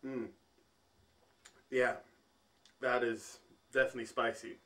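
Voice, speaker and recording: Brief: male food vlogger, unhurried, halting thinking-aloud delivery. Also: medium pitch, steady tone, fairly bright tone. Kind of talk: food tasting vlog.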